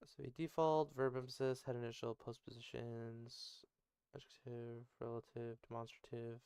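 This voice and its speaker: A man's voice: mid-range voice, flat delivery, normal speed, darkish tone, smooth, no echo, clean studio sound. A man thinking aloud as he works on an invented language, muttering and correcting himself. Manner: muttering, self-correcting, musing. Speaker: conlang creator. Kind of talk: thinking aloud while working.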